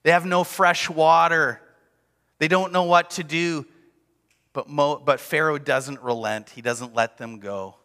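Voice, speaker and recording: A man's voice: fairly high pitch, steady tone, a little slow, a bit bright, big-room sound. A man preaching a sermon, emphatic and driving home repeated refrains. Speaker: pastor.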